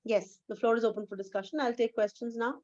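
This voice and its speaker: A woman with an Indian English accent delivers an earnest, emphatic lecture, pressing her points and correcting herself as she goes. Her voice sits high. The audio is dull and lo-fi, like an online call. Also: steady tone, fast talker, darkish tone. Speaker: webinar speaker. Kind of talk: lecture presentation.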